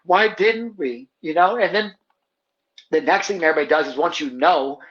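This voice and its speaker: High-voiced passionate man, casual and emotional. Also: fairly quick, fairly bright tone, muffled recording. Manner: passionate and heartfelt, casual slangy speech. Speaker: podcast guest, manifestation teacher. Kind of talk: emotional personal storytelling in conversation.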